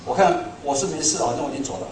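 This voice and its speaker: A middle-aged man preaching a sermon to a congregation, telling stories in an animated, self-mocking way. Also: on the high side, very fast, slight background noise. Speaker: pastor. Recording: echoey hall, speaker far from mic.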